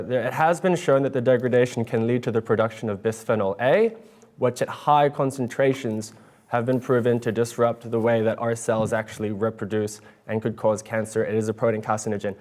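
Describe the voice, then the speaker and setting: A young man gives a competition pitch and answers judges' questions, earnest and a little halting. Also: darkish tone. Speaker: student competitor pitching a project. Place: stage at an awards event.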